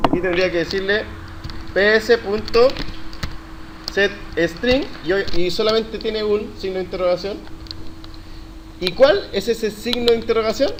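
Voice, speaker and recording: A man's voice: high voice, a little slow, pauses often. A man teaching a live university coding class, questioning students and praising their answers. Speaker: university lecturer. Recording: noisy classroom recording.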